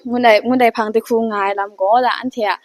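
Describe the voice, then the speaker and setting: A woman giving an unhurried talk, often pausing and hesitating. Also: fairly high pitch, steady tone.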